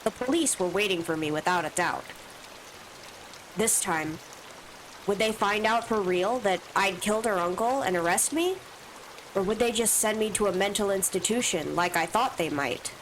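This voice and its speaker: A woman streamer, stuffy and sniffling from allergies, reads a visual novel's first-person text aloud and adds her own asides. Her voice is medium-pitched at a normal speed, with slight background noise.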